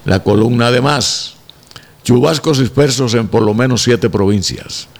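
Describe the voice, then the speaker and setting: A Dominican man co-hosts a news talk show, reading headlines and jumping into the debate. His gravelly voice sits at a middle pitch, and he speaks with emphatic insistence. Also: a little slow.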